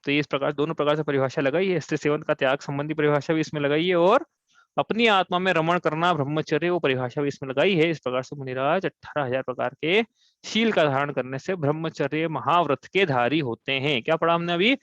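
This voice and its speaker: Male religious teacher, fairly high voice, walks through scripture with self-posed questions; dry, slightly muffled recording. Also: fairly bright tone, no echo. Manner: explains step by step, asks and answers own questions; chants verses slowly. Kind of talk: scripture class explanation.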